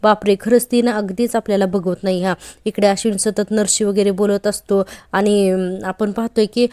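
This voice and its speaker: A woman's voice: mid-range voice, steady tone, normal speed, darkish tone, no room sound, studio quality. A woman casually recapping a TV serial episode, chatty and speaking straight to her viewers. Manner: chatty, addresses viewers directly, frequent filler particles. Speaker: serial review host.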